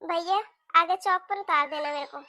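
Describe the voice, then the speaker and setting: A woman's voice: extremely high pitch, moderate pace, pushed and bright, dry recording, studio quality. A woman voicing a caring young married daughter in a cartoon, talking in an earnest, pleading way. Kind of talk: cartoon voice acting.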